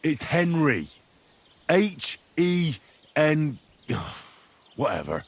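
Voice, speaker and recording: A man's voice: on the high side, very animated, extremely slow, slightly rough, exaggerated voice. An actor playing a plain-spoken young man in a video game, dry and worn thin by the company he keeps. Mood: exasperated. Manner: dry, exasperated, down-to-earth. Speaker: game protagonist. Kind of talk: video game cutscene acting.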